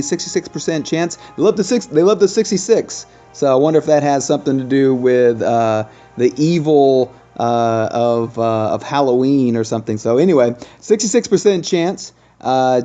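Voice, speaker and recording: With a warm, medium-pitched voice, a man hosts a casual game review for his gaming channel, chatting and reasoning aloud along the way. The sound quality is dull and lo-fi.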